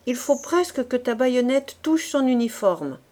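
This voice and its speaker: A woman voicing a gruff, blunt male corporal who barks orders in a raised voice. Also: high-pitched, sing-song, moderate pace, dark tone, pitched above the performer's own voice. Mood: commanding.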